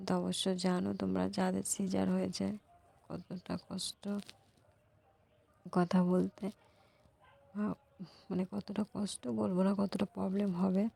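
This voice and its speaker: Hoarse, gravelly young woman vlogging softly. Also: completely flat delivery, measured pace, long pauses. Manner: soft, low-volume talk. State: hoarse, voice gone from a cold. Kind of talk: casual vlog talk to viewers.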